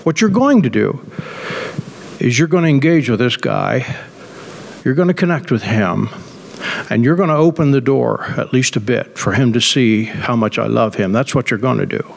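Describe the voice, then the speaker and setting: A man voicing God as a calm, insistent inner voice, giving firm instructions. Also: medium pitch, normal speed, creaky, pitched below the performer's own voice. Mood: firm, tender. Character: gentle, firm God speaking inwardly.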